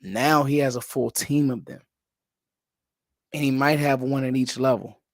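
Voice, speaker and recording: A man hosting his own show, giving casual, animated football analysis that sometimes drops to a whisper. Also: mid-range voice, a little slow, no echo, clean studio sound. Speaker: sports podcast host.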